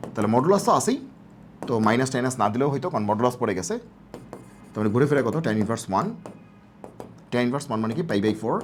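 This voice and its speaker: A math tutor gives a casual exam-prep lecture, asking and answering their own quick questions in a coaxing tone. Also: mid-range voice, a little mellow, slight background noise. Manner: casual, coaxing teacher talk.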